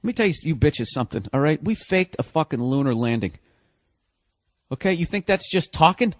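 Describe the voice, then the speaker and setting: A man's voice: on the high side, lively intonation, fairly quick, dry recording, clean studio sound. Profane, exasperated male ranter. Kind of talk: casual comedic rant.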